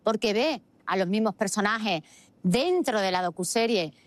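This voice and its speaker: In a dry recording, a woman host delivers opinionated political commentary at normal speed, her medium-pitched voice full of lively intonation. She argues emphatically, using rhetorical questions and repeating phrases to stress them.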